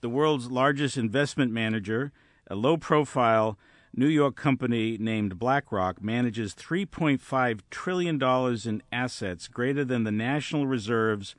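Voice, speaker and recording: Measured male radio talk show host. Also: mid-range voice, no room sound. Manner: measured, hesitant with fillers.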